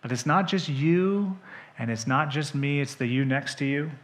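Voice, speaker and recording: A man preaching a sermon to his church, moving between soft, hushed lines and loud, emphatic points, speaking straight to the congregation. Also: fairly high pitch, lively intonation, normal speed. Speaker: pastor. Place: church sanctuary.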